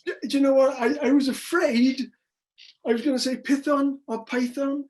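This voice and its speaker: A woman interviewing authors over a video call, speaking haltingly with many restarts. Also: high-pitched, steady tone, a little mellow. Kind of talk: casual interview.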